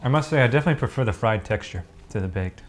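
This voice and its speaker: A man casually reviewing and tasting food on camera, chatty and relaxed, sometimes talking with his mouth full. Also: mid-range voice, racing. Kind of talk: casual food taste-test vlog.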